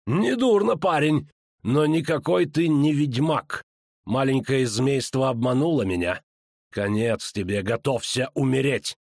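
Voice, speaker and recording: A man voicing a menacing older male bounty hunter who taunts slowly and mockingly. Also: mid-range voice, darkish tone, no room sound, clean studio sound. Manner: slow, sneering, drawn-out taunts.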